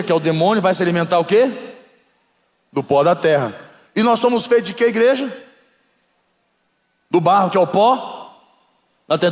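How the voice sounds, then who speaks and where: A male bishop with a Brazilian accent preaching and telling a story with lively drama, often questioning the congregation. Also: sits high, long reverb tail. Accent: Brazilian Portuguese. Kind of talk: sermon storytelling. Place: church.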